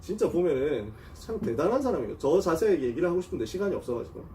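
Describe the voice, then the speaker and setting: Male youth pastor, casual storyteller who acts out quotes, high voice, mic a bit far away. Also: sing-song, fast, mellow, slight background noise. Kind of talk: sermon. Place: church youth service.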